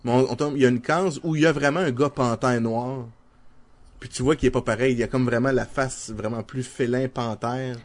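A man's voice: medium pitch, fairly quick. A man with a Québécois French accent, co-hosting a casual podcast chat and laying out facts with frequent hesitations. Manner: relaxed, presents facts with many hesitations. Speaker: podcast co-host.

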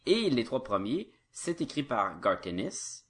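A man's voice: mid-range voice, sing-song, unhurried, a bit bright. A man with a Quebec French accent explaining things at length as a podcast co-host. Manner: rambling, explanatory. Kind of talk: casual chat.

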